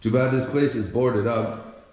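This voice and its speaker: Handheld camera in tow, this man tours a deserted house and muses out loud like the urban-exploration vlogger he is. He speaks at a relaxed pace in a steady, medium-pitched, slightly mellow voice. Echo from the bare rooms and a light hiss color the audio.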